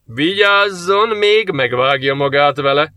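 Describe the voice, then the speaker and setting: A man reading aloud, voicing a suave, mocking male demon who talks slowly and teasingly. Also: mid-range voice, animated, bright, forceful tone, no echo. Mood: smug. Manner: smug, slow and teasing.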